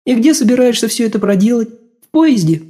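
A male narrator voicing a teasing, sharp-tongued young woman in an audiobook, firing off pointed, reproachful questions. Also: very high voice, expressive, brisk, pitched above the performer's own voice. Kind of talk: audiobook character voice.

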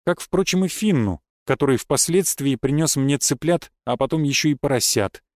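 A man reading a first-person fantasy audiobook in an even storytelling manner. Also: a little high, moderate pace, no echo, studio quality. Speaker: audiobook narrator.

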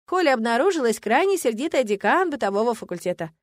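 A woman's voice: fairly high pitch, quick pace, dry recording. Woman narrating an audiobook, dry sound. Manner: lively first-person storytelling. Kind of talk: scripted narration.

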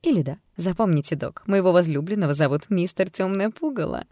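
An audiobook reader voicing a mocking, unhinged female alter ego who talks in a hoarse, hissing, capricious way. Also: medium pitch, fairly quick, darkish tone, dry recording, clean studio sound, lightly acted. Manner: taunting, capricious, cheeky. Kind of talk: audiobook character voice.

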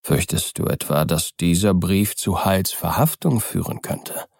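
A man reading an audiobook, voicing a grave middle-aged lawyer in a low, measured tone. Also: creaky, a little mellow, no room sound, studio quality, heavily acted. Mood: suspicious.

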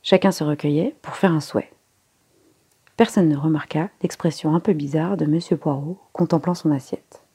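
A woman reading a story aloud as narrator, lifting her voice for the characters' lines, with a husky tone. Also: fairly even intonation, normal speed, dark tone, dry recording. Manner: voices the characters' lines with raised pitch and force. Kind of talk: audiobook reading.

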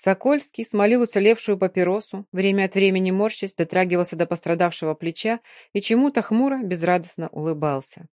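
A woman's voice: medium pitch, fairly quick, darkish tone, dry recording, clean studio sound. A woman narrating an audiobook expressively, giving each character a voice.

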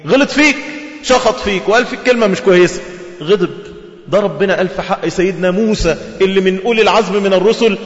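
A man with an Egyptian accent delivers a lively sermon at a quick clip, his voice pitched high. He keeps asking the audience rhetorical questions. The recording is dull and lo-fi, with a long echo from a large hall. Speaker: preacher. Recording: echoey hall, dull lo-fi sound.

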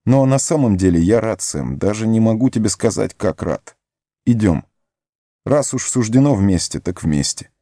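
Man reading a burdened hobbit: low, warm, earnest, dry close sound. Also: animated, normal speed, dry recording. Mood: fond. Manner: earnest, tired, gently firm. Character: young male hobbit, weary, resolute, burdened. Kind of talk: audiobook character voice.

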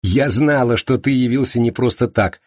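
Guy doing a teasing giggly young woman, husky, dry sound. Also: mid-range voice, moderate pace, no room sound, pitched above the performer's own voice, lightly acted.

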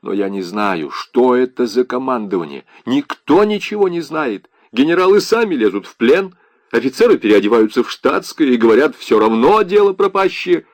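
A man's voice: medium pitch, big pitch swings, normal speed, no room sound. A man reading an audiobook voices a bitter, despairing soldier just back from a lost war. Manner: bitter, agitated.

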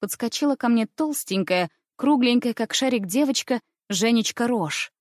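A woman narrating a children's story in an even, measured reading voice. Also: a little high, dry recording, studio quality.

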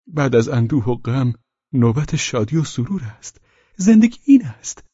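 A man's voice: very animated, dark tone, slightly rough, dry recording, muffled recording. A man putting on a fussy, fawning fellow. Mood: eager. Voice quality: high, strained, halting with hesitations.

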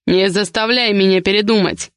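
A woman reading as a domineering, possessive young man in a romance audiobook, giving low, menacing commands. The reader keeps close to her own mid-pitched voice for him. The sound is dry and close-miked. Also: fairly even intonation, moderate pace, no echo, natural voice.

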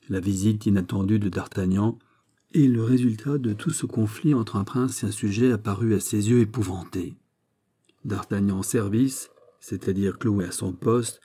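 Brief: male audiobook narrator, low, very dark and husky, measured reading. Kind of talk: scripted narration of a classic novel.

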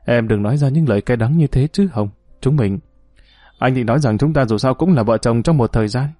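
A man voicing a patient middle-aged ex-husband who speaks gently and with resignation, in a mellow voice. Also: medium pitch, fairly quick, no room sound, studio quality, close to an everyday voice. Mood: resigned.

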